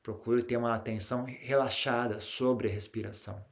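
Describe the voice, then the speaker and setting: A Buddhist monk from Brazil gives a meditation talk in a Brazilian Portuguese accent. He speaks calmly, with a middling pitch, often ending phrases on a questioning tag. He restarts his sentences often, and he livens up when he tells everyday stories. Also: normal speed, vocal fry. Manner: grows animated when telling anecdotes.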